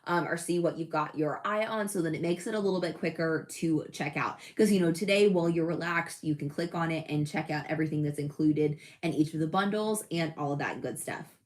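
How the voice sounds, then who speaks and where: A woman's voice: deep voice, fairly quick, hardly any pauses. A woman hosting a casual crafting livestream, chatting and reading viewer comments, often correcting herself with a laugh. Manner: chatty, self-correcting, laughs at own slips. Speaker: crafting channel host.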